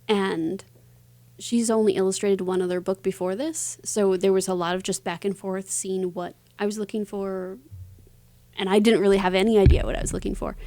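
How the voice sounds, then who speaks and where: A woman being interviewed as an author chats casually at a middle pitch, her voice a little mellow. The recording is dry, with no real room sound.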